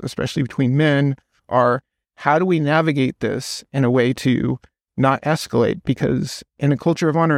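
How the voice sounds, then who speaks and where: Guy with a gravelly voice telling a story on a podcast, dry close sound. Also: medium pitch, no echo. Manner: explains at length, storytelling with quoted voices. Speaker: podcast guest. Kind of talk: casual conversation.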